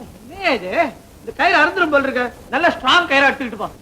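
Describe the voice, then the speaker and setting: An actor playing an exasperated young husband who snaps back and mocks in an old Tamil film comedy. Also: male voice, extremely high pitch, big pitch swings, quick pace, pushed and bright, a little hiss or hum, full character voice, low-quality recording. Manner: mocking, retorting.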